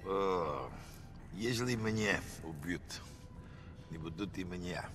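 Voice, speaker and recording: A man's voice: low-pitched, slow pace, over music. An actor playing a grim male villain who defies his enemies, speaking heavily in a film clip. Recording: film clip with long reverb.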